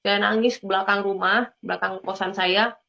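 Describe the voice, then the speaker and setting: A woman's voice: mid-range voice, fairly even intonation, moderate pace, gravelly, sharp tone. Earnest woman telling her testimony. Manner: earnest storytelling, often addresses listeners as "brothers and sisters". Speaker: testimony speaker. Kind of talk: emotional personal testimony. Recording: dull lo-fi recording.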